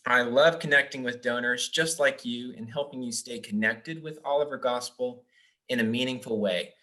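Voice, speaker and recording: Young male webinar host, bright and forceful tone, friendly, filler-heavy delivery. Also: mid-range voice, unhurried. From Japan. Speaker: webinar host, donor relations officer. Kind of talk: hosting a webinar.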